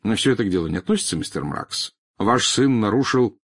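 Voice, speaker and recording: Stubborn ministry man, formal and measured, deep husky tone, read by a male narrator. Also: animated, no room sound, clean studio sound. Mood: guarded.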